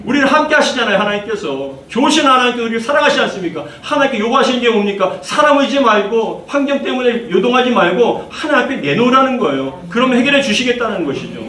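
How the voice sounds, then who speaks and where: Male pastor, fervent sermon, high voice, echoey church hall, distant mic. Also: big pitch swings, quick pace, few pauses, bright, forceful tone, a little hiss or hum. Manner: fervent preaching, repeating phrases, leading congregation in reading. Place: church sanctuary.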